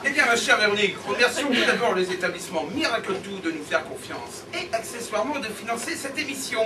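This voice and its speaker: A man playing a pompous, suggestive teleshopping pitchman in a parody infomercial, speaking in florid, mock-earnest phrases. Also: animated, quick pace. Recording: noisy roomy far-off recording, loud laughing crowd. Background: loud audience noise and laughter.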